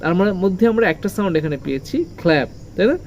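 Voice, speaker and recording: Teacher walking kids thru a lesson, warm soft tone, asks then answers own questions, faint crickets behind. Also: mid-range voice, expressive, rapid-fire, a little hiss or hum. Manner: asks questions and answers them, repeating key words with stress. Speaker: English teacher. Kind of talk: classroom lesson to children.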